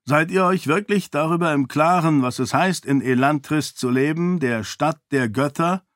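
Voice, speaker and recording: A man voicing an earnest young prince who pleads and persuades, his voice rising in pitch. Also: normal speed, fairly bright tone, no room sound, studio quality, natural voice. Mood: urgent persuasion.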